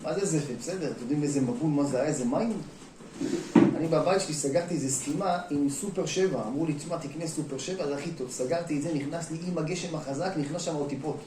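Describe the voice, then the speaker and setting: Echoey man preaching a lively sermon. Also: a little high, background noise. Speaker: rabbi. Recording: echoey room, mic at a distance.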